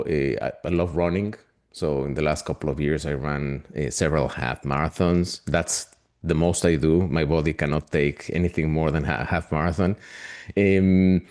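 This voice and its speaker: A very deep, slightly mellow voice belongs to an AI consultant from Argentina. He talks with a Latin American Spanish accent in a webinar interview, warm but unsure, using many fillers.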